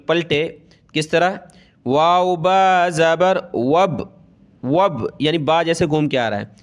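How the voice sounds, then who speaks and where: A man teaching Quran reading, spelling out each letter and vowel mark and then chanting the word slowly, with quick explanatory asides in between. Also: on the high side. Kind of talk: slow spelled-out recitation lesson.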